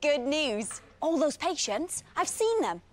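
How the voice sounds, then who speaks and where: A bright cheerful young doctor. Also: female voice, high-pitched, takes it slowly, a little hiss or hum, exaggerated voice. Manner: bright, animated, encouraging. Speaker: doctor character. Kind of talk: children's TV acting.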